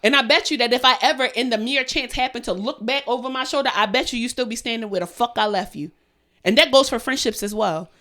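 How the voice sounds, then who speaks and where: A woman's voice: on the high side, quick pace, bright, forceful tone. A young woman co-hosting a podcast, ranting in heated, profane casual chat. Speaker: podcast co-host.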